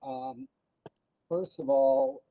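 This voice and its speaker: A man, a neighbor giving public comment by phone, halting with many fillers, his phone held away from his mouth so his voice fades. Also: a little high, very animated, vocal fry, dry recording. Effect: phone held away from the mouth, voice fading. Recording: dull phone line, voice drifting off-mic.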